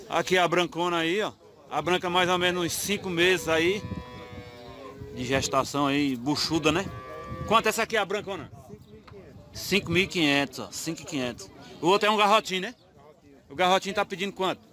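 A man filming his casual walk through a cattle fair, chatting with sellers and repeating their prices for the camera. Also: on the high side. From Northeast Brazil. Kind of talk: casual on-the-spot video commentary. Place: outdoor cattle market with crowd. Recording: crowd noise outdoors.

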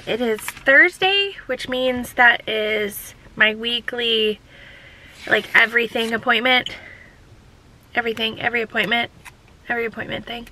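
A woman talks to her handheld camera from a parked car, stuffy-nosed and short of breath. Her voice sits a bit high and has a very bright, forward edge. She rambles casually and keeps filling gaps with "like.". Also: a little slow, a little hiss or hum, rough recording. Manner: rambling, chatty, many "like" fillers. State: congested and out of breath. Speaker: vlogger, show host. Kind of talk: casual vlog talking to camera.

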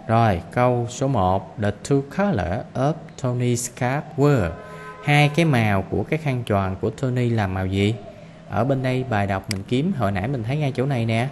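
A man with a Vietnamese accent teaching English to young learners, reading the text slowly and repeating words to drill pronunciation. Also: mid-range voice, darkish tone, long reverb tail, slight background noise. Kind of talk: classroom reading lesson.

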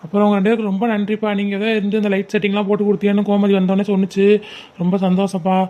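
A man playing a calm, grateful elder relative who runs a restaurant, in a family web series. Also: high-pitched, racing, natural voice. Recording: muffled lo-fi recording.

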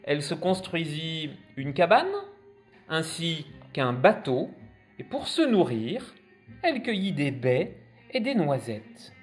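Man, storyteller, children's book reading, expressive, faint music. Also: fairly high pitch, slow pace. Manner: expressive, animated.

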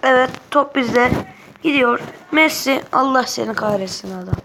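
Woman gaming host, fairly high gravelly voice, slow talk with excited outbursts, noisy clicking background. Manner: excitable, shouts bursts at the game. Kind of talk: let's-play game commentary. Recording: noisy recording with clicking sounds.

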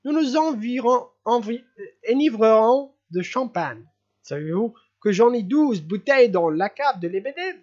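A reader putting on a giddy young prince, his voice lifted well above the reader's own and bubbling over with laughter. He rambles eagerly, tripping over words in his excitement, on a dull lo-fi audiobook recording. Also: mid-range voice, slow pace, voice pushed up. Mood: giddy, excited.

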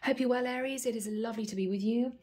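A tarot reader at home, sitting at a table with plants, talks casually and warmly to her viewers, often saying "guys" and "okay." Her fairly high, steady voice moves fast but is slightly hoarse, as if she is losing it after a long day.

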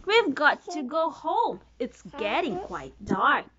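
A woman in her thirties, sitting on a bed in a small bedroom, reads a picture book aloud to her toddler in a high, sing-song voice, taking it slowly and prompting with questions and counting. A loud crowd can be heard, and the home recording is dull and lo-fi.

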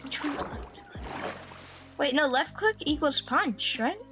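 A woman's voice: sits high, animated, slow pace, sharp tone, soft background music. A woman chatting playfully with friends while playing a game. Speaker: gamer. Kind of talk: casual gaming chat with friends.

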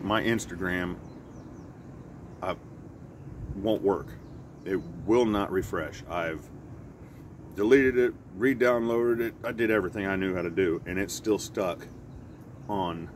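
A middle-aged man telling stories in a casual, halting ramble, easygoing and often correcting himself. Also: low voice. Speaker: pipe vlogger. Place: outside by a house with siding. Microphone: camera a short distance in front. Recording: clear outdoor traffic or air-conditioner hum.

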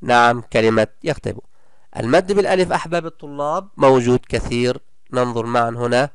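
A man leads a primary school class in a recorded lesson, his medium-pitched voice clear and resonant. He encourages and frequently praises the pupils while drawing example words out slowly, all in a dry, clean studio recording.

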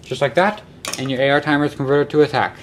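A man with a fairly high voice talks fast as he narrates a casual electronics hobby tutorial, demonstrating each step in turn. The sound comes from a handheld camera mic in a cluttered indoor workshop or utility room, with clicks and clear background noise.

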